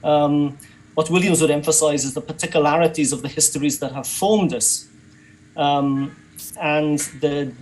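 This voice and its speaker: A man's voice: fairly high pitch, steady tone, moderate pace, a little mellow, rough recording. A man giving an academic talk over a video call, thoughtful and hesitant, with many fillers and restarts. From Wales. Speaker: conference panelist.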